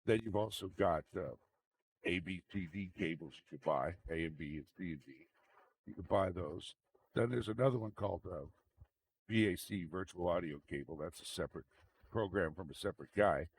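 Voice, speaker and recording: A man with a fairly low, very creaky, gravelly voice talks through a computer demonstration off the cuff. He rambles casually and often repeats his phrases. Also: moderate pace. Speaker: tech video host. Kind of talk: casual unscripted screen demonstration. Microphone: microphone into computer audio mixer. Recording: very noisy microphone with fan noise. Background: fan running.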